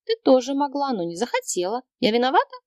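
A woman's voice: high-pitched, wildly swooping pitch, fast, a little mellow, no room sound, clean studio sound, pitched above the performer's own voice. A woman reading as a blunt young woman, snapping. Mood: defensive. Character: brash young woman friend, blunt and defensive. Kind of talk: audiobook dialogue reading.

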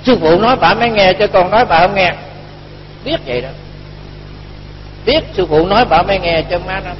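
A man's voice: high voice, a little fast. A man, a monk giving a folksy dharma talk and acting out the dialogue of his stories. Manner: folksy, colloquial, acts out dialogue. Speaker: Buddhist monk teacher. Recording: dull lo-fi recording, long hall reverb, faint hum.

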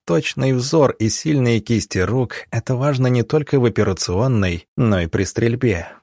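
A man narrating an audiobook in a measured, dramatic reading style. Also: medium pitch, darkish tone, no echo, studio quality. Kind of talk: scripted narration.

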